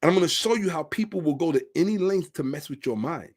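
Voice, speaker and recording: A man's voice: a little high, lively intonation, quick pace. A man hosting a social commentary monologue, emphatic and repetitive, asking rhetorical questions. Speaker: host.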